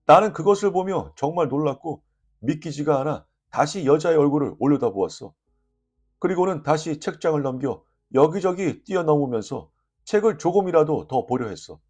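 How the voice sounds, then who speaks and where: A man reading a short story aloud as an audiobook narrator, lively and expressive, voicing the dialogue. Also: fairly high pitch, normal speed.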